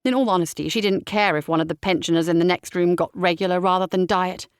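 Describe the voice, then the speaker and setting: A woman reading a cozy mystery novel aloud in an even, wry narration voice. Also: on the low side, fast talker, clear, resonant tone, dry recording, studio quality. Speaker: audiobook narrator. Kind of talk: scripted narration.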